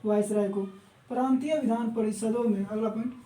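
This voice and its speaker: A male teacher works through exam notes in a mellow, darkish voice, often trips over a word and starts it again, and keeps asking his listeners questions. He sounds set back from the microphone. The room adds a noticeable echo. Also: high-pitched, fairly even intonation. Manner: repeats key words and quizzes listeners with quick questions; stumbles and restarts words. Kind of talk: exam-prep history lecture. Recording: roomy echo, mic at a distance.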